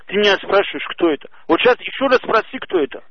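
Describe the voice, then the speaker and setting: A man's voice: high-pitched, sing-song, fast, creaky. A man arguing over the phone, blunt and aggressive, swearing constantly. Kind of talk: heated phone conversation. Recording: muffled phone-call audio.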